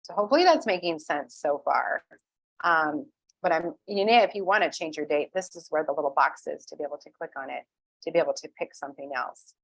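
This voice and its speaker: A woman with a low voice talks through an online ordering tutorial in a chatty, conversational way. She fills her sentences with "um" and keeps checking in with the listener. The sound is dry and close, with no room echo. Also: brisk, slightly rough. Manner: chatty, filler-heavy, checks in with "okay?". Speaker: essential oil wellness advocate. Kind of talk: screen-share tutorial walkthrough.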